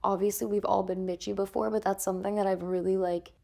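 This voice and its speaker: A woman's voice: mid-range voice, flat delivery, fast talker, vocal fry, a little mellow. A young woman telling a candid personal story on a podcast, chatty and casual, filling her speech with "like" and swearing freely. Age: young adult. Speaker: podcast guest.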